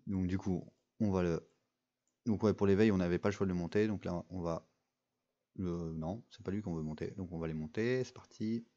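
Low, dark-voiced young man narrating gameplay. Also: normal speed, lo-fi sound. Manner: rambling, full of fillers and restarts. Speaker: gaming video creator. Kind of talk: casual gameplay commentary.

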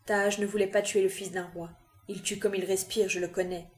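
A woman's voice: mid-range voice, flat delivery, fairly quick, close to an everyday voice. A woman reading a fierce, grieving young woman. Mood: urgent.

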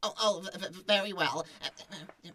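A man's voice: high voice, normal speed, bright, forceful tone, a little hiss or hum. A male actor playing a nervous, fussy rabbit herald, stammering and deferential, in a radio drama. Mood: flustered.

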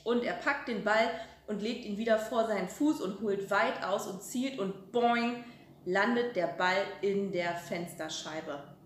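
A woman reading a children's story aloud, telling it in a calm, expressive way. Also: medium pitch. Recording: roomy echo.

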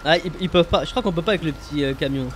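A man's voice: on the high side, rapid-fire, faint music behind. A man hosting a gaming video, talking animatedly and throwing in mock-announcer asides. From France. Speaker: YouTuber host. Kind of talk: excited gaming chat.

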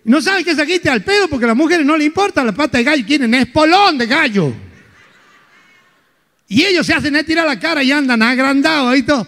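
A man with an Argentine accent doing live stand-up comedy, telling stories in loose slang with sudden shouts. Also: very high-pitched, lively intonation, fast talker. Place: theater stage. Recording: live hall with long reverb.

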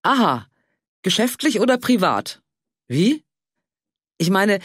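A man voicing a fussy, anxious older man who pleads and frets in a high voice. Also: sing-song, slow, fairly bright tone, dry recording, clean studio sound, exaggerated voice. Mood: eager.

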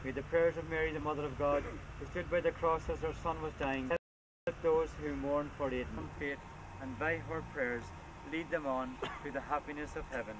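Solemn priest praying at an outdoor graveside. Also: male voice, a little high, fairly even intonation. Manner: measured, formal liturgical delivery. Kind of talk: solemn funeral prayers read at a graveside. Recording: noisy, windy outdoor camcorder recording.

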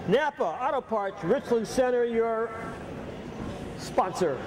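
A man's voice: extremely high pitch, animated, slow. A man calling a harness race live, folksy and joking with the crowd. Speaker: race announcer. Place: outdoor county fair racetrack. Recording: echoey PA sound from far off, outdoor noise.

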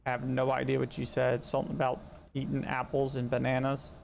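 A man doing live gameplay commentary as a streamer, excitable and slangy, talking back to the ghost in the game. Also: mid-range voice, fairly quick, gravelly. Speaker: gaming streamer. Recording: dull lo-fi stream audio with faint noise.

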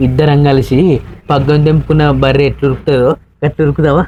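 A man's voice: mid-range voice, level tone, quick pace, lo-fi sound, very noisy. A man acting a village husband in a comedy short film, grumbling to himself in long monologues. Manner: rustic, complaining monologues to himself. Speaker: actor playing a village husband.

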